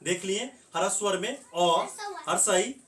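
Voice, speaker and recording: A man's voice: sits high, takes it slowly, a bit bright. A man teaching a grammar lesson, who asks the class questions and then answers them himself. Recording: echoey room, voice from a distance.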